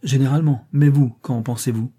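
A man reading the part of a curt, impatient middle-aged gentleman in an audiobook. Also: mid-range voice, steady tone, brisk, close to an everyday voice. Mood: gruff, curt. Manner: curt and gruff.

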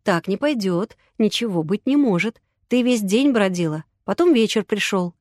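A woman voicing a good-natured, sly male police investigator in an audiobook, talking in an unhurried, lowered voice. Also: expressive, darkish tone, dry recording, clean studio sound, natural voice. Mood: calmly probing.

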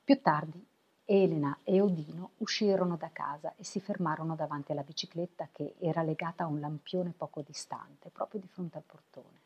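A woman reading a novel aloud for web radio, steady and unhurried. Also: low voice, slightly rough, dull audio. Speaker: volunteer reader.

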